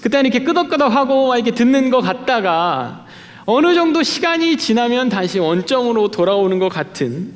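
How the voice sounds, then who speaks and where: A man in his late thirties preaches to young adults in a loose, chatty way, stopping and restarting often and poking fun at himself. His voice sits high for a man, and a long reverb trails behind him in a church hall. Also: sing-song, brisk. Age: late 30s. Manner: chatty and self-deprecating, many fillers and restarts. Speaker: youth pastor. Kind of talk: conversational sermon. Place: church sanctuary.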